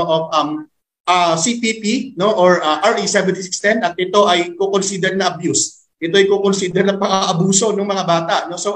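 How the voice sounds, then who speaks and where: A man's voice: sits high, a bit bright. A male teacher with a Filipino accent, giving formal testimony to a hearing chair, politely and with many fillers and tag questions. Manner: code-switching, frequent "no?" tag and fillers.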